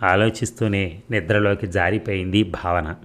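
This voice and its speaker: A man narrating a novel in a steady, even storytelling manner. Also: sits low, normal speed. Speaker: audiobook narrator. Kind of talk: novel reading.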